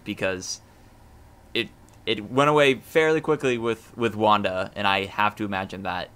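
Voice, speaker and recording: Man, low pitch, bright forceful tone, casual movie chat, hesitant fillers. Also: smooth. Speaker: podcast co-host.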